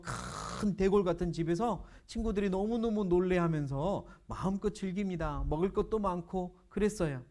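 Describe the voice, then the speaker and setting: A man's voice: sits high, a little mellow. A man preaching a sermon, telling a story with rhetorical questions.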